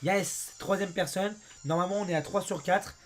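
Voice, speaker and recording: A young French man with a hoarse voice, chatting excitedly as he plays a game and talks to his viewers. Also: high-pitched, normal speed, faint music behind. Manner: chatty and excitable, often says "mes amis" and "abusé". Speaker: let's play host. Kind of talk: casual gameplay commentary.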